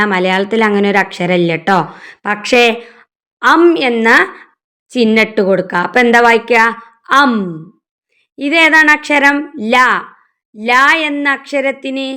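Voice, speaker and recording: This is a woman leading a reading lesson for young children. Her voice sits high and comes across clear and smooth. She talks slowly, drilling each question and answer with patience. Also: a bit bright. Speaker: teacher.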